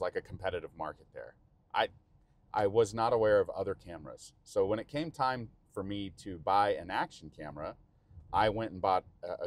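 A man's voice: fairly low pitch, a little mellow. A man with a Texan accent giving rambling, chatty commentary while driving a car in the rain, recorded on an action camera mounted inside. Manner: chatty, rambling, self-interrupting. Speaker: vlogger.

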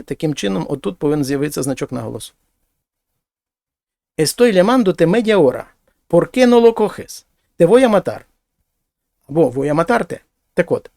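A man teaching Spanish grammar, explaining patiently and saying the example phrases louder and higher. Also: dry recording, clean studio sound. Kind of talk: language lesson.

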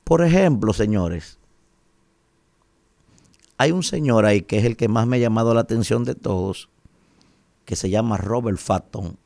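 A man's voice: fairly low pitch, expressive, a little slow, gravelly, pauses often, warm tone, no room sound. A man in his forties with a Dominican Spanish accent, giving emphatic, rhetorical opinion commentary on the radio and asking "¿verdad?" again and again. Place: radio studio, indoors. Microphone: studio mic on a boom arm.

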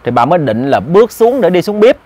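A man with a high, warm voice tells a ghost story at a quick pace, his delivery rising and falling in a sing-song way. He keeps it informal and chatty, speaking directly to those listening and repeating his words.

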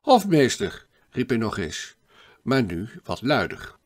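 A man's voice: fairly low pitch, measured pace. Man reading a storybook aloud. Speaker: audiobook narrator. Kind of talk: scripted audiobook narration.

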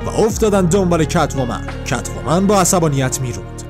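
A man with a fairly high voice retells a comic story panel by panel in a plain, steady way. Soft music runs faintly behind him. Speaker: comic book narrator.

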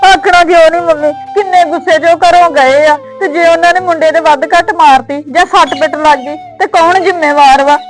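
A woman's voice: very high-pitched, fairly even intonation, fairly quick, few pauses, soft background music, low-quality recording. A woman with a Punjabi accent playing a worried mother who complains and scolds in a family drama. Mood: upset. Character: worried mother defending her son.

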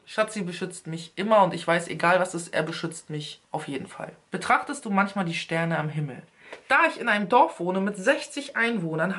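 A young woman answering personal questions in a casual vlog, talking in slang with lively, self-mocking asides. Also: medium pitch. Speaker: YouTuber.

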